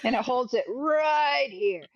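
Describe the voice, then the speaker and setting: A hoarse woman frankly telling a personal story in casual conversation, coughing now and then. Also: high voice, expressive, slow, lo-fi sound, over a noisy crowd. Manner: frank, chatty, occasional coughs. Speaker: podcast guest sharing a personal story.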